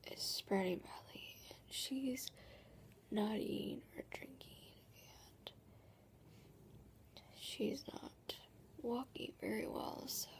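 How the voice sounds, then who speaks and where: Hushed, creaky-voiced tearful woman vlogger. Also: a little high, whispered. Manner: halting, subdued. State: tearful, crying. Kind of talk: personal video diary, casual chat.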